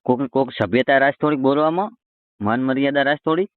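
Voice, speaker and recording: On a tinny phone line, a roast video creator who has picked up a call argues hotly, colloquial, obstinate and combative. His voice sits at medium pitch and moves a bit fast, with no room sound.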